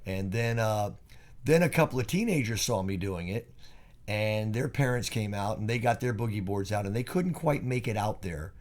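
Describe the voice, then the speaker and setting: Low-voiced older man telling easy stories. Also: lively intonation, normal speed. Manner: easygoing, rambling storyteller. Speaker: co-host. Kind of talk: casual chat. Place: in bed on vacation.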